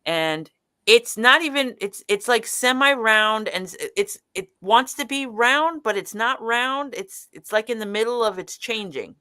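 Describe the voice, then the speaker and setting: Woman guest, casual chat, animated storytelling, acts out quotes. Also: fairly high pitch, measured pace.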